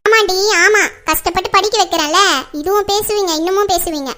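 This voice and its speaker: A woman's voice: very high voice, fairly quick. A woman playing a middle-aged mother who scolds her two grown daughters, in a homemade family skit. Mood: scolding. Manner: nagging, sharp scolding.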